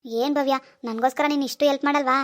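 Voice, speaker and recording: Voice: high-pitched, steady tone, quick pace, natural voice. A voice actor doing wheedling cartoon boyfriend Sanju. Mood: pleading. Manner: wheedling, begging repeatedly. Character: young boyfriend Sanju, pleading and clingy. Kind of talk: cartoon voice acting.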